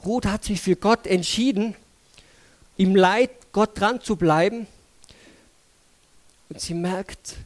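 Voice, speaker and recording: A man preaching a sermon, swinging between urgent, loud phrases and hushed, intimate ones. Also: high voice.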